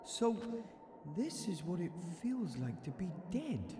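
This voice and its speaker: A chatty gnome ghost, echoing. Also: male voice, high-pitched, very animated, slow, noisy background, heavily acted. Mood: musing. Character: a young male gnome as a ghost, chatty and upbeat. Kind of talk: video game voice acting.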